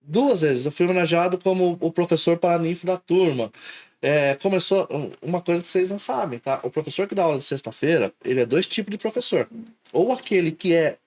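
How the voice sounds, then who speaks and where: Podcast guest, São Paulo-accented Brazilian man, animated storyteller, chatty. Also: sits high. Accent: Brazilian Portuguese, São Paulo. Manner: animated storyteller, acts out his own catchphrases. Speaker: podcast guest, logistics professional. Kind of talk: casual podcast chat.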